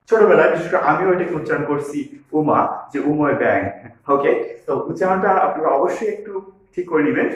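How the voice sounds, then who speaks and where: A man teaching a grammar lesson to students, repeating key phrases slowly as he writes them out. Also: a little high. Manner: repeats key phrases while writing on board. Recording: very echoey room.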